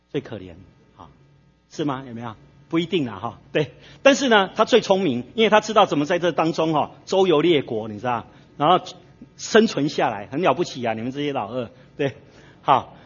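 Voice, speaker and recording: A male pastor preaches in a church, telling stories with frequent tag particles and asking the congregation to fill in the blanks. His voice is a little high, a bit bright and husky, in a dull lo-fi sermon recording.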